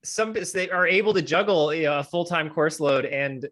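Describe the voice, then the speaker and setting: A man's voice: a little high, normal speed, fairly bright tone, a little hiss or hum. A man co-hosting a podcast, rambling thoughtfully in casual conversation. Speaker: podcast co-host. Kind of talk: casual chat.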